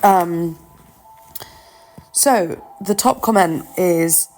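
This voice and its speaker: A woman with a lowish voice and a lot of vocal fry gives her opinions in an informal solo podcast. She is candid and self-deprecating, often hesitating and rewording as she works out her thoughts. She records at home by simply talking into her phone. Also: extremely slow, a little mellow, soft background music, low-quality recording. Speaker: podcast host. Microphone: talking into a phone, no studio.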